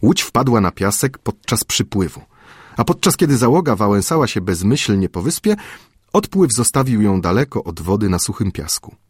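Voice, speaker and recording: A middle-aged male audiobook narrator reads a classic adventure tale in a measured, steady way. His voice sits low with a husky grain, and the recording is dry and close with no room sound. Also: dry recording. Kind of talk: scripted literary narration.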